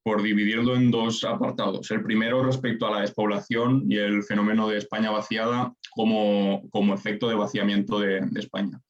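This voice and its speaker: A man's voice: on the low side, level tone, brisk, hardly any pauses, muffled recording. A young man in his twenties from Spain, a political scientist answering interview questions in structured points with rhetorical questions. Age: 20s.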